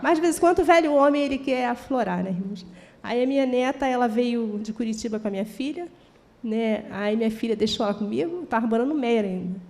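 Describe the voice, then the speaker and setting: An older Brazilian woman preaching a sermon, telling personal testimony in a lively storytelling way and acting out the dialogue. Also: a little high, fast talker, long reverb tail. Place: church hall.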